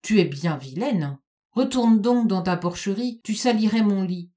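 A woman's voice: mid-range voice, lively intonation, normal speed, a little mellow, lightly acted. A woman reading a storybook and voicing an arrogant male pig who has made himself the farmer, commanding and scornful. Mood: bossy.

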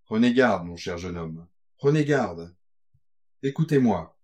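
A man's voice: lowish voice, darkish tone, natural voice. A man reading a ruined Spanish coachman, bitter and solemn. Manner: earnest, warning, solemn. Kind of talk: audiobook reading.

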